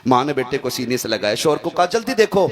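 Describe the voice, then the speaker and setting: A man's voice: mid-range voice, sing-song, fast. A man preaching an emotional sermon, telling a story dramatically and acting out the voices in it.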